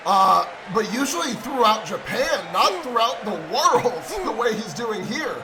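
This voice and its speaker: A man doing excited wrestling commentary who erupts into shouts at big moves. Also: extremely high pitch, unhurried. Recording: over loud crowd and music. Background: crowd noise and music.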